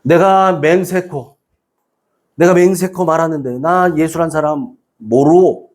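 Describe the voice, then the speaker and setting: A man preacher voicing a cornered, frightened man who flatly denies knowing someone. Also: fairly high pitch, slow. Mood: protesting. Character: cornered frightened man denying, defensive and flustered.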